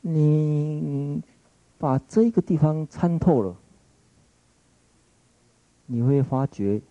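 Male Taiwanese Mandarin lecturer, dark husky voice, dry close sound, rambling reflective storytelling. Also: a little high, expressive, drawn-out words, no echo, highs cut off. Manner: musing, searching for words, frequent restarts.

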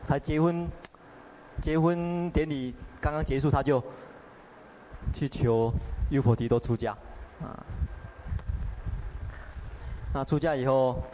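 A man's voice: mid-range voice, steady tone, takes it slowly, long pauses, warm tone, a little hiss or hum, poor audio. A man teaching meditation in a conversational dharma talk, often asking his listeners questions. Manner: conversational, filler-laden, asks the audience. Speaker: Buddhist teacher.

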